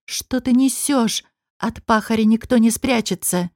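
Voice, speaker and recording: Sly young beauty, sugary, teasing, higher voice, dry close sound, read by a woman. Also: unhurried, dry recording. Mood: sharp alarmed. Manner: sugary, teasing, turns sharp.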